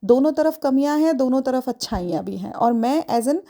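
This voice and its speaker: A woman's voice: high voice, expressive, normal speed, mellow. A middle-aged woman from India hosting a podcast, giving earnest, reflective parenting advice in a monologue and mixing in English phrases. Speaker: podcast host.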